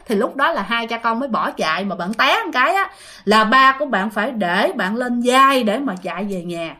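A woman's voice: fairly high pitch, pushed and bright. A woman with a Southern Vietnamese accent, casually retelling ghost stories sent in by listeners, full of chatty fillers. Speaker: ghost story narrator.

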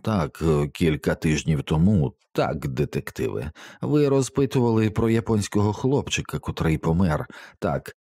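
A man voicing a frail, wasted man with a dry, brittle voice who talks slowly and vaguely, like a child. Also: sits low, animated, warm tone, slightly rough, dry recording, full character voice. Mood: dreamy. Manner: slow, drifting, childlike. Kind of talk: audiobook character voice.

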